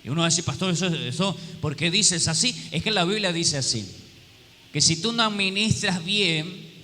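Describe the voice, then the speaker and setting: In a church hall, a pastor with a slightly high, pushed and bright voice preaches to his congregation with call-and-response questions. He acts out little quoted scenes with humor. The recording has long hall reverb and faint room noise.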